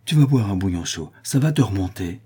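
A man voicing a timid, loving older woman who speaks in a gentle, anxious way in a read-aloud story. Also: low voice, animated, a little fast, breathy edge, exaggerated voice.

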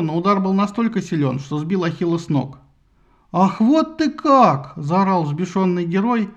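A man with a fairly high voice narrates a satirical tale of gods and heroes. His delivery is lively and ironic. The recording is dull and lo-fi. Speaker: audiobook narrator.

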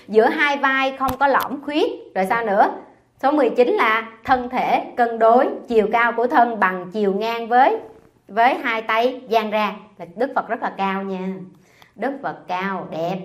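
A nun leads a dharma class in a temple hall, her voice a touch higher than most women's. She teases and scolds her listeners with humor and keeps quizzing them on the lesson. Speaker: Buddhist nun teaching scripture.

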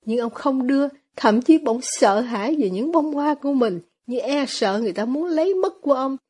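Woman reading a novel out loud, steady storyteller, kinda husky breathy voice. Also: high voice, moderate pace. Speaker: audiobook narrator. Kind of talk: scripted novel narration.

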